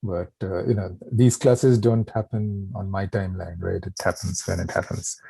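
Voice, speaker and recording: A man chatting in an easygoing, relaxed way in an online study group over a video call. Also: sits low, moderate pace, gravelly, breathy edge, no room sound. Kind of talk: casual video call chat.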